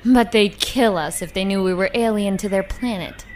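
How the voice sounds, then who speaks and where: An actress in an audio drama playing a curious, sceptical young feline alien companion, plain-spoken and dry. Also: female voice, medium pitch, moderate pace, darkish tone, a little hiss or hum, close to an everyday voice.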